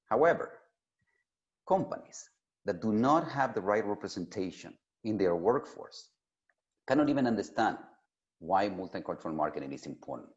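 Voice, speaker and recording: A man delivers a prepared keynote address, speaking emphatically and deliberately with pauses for emphasis. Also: fairly low pitch, sing-song. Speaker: keynote speaker at an industry summit. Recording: dull, lo-fi sound.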